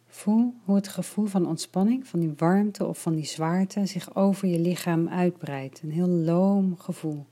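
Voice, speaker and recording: A woman leading a guided relaxation, her voice low and mellow. She talks slowly and softly, sometimes dropping to a whisper. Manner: slow, soft and soothing, partly whispered.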